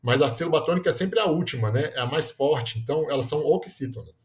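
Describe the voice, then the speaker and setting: Guy teaching a grammar class, kinda high voice, keeps going "né?". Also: animated, quick pace. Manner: explanatory, frequent "né?" tags, self-corrections. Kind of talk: grammar lesson.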